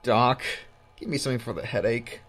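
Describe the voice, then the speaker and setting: A man's voice: mid-range voice, fairly quick, fairly bright tone, natural voice. An actor playing a shaken young man who has just been stunned and is anxious and confused.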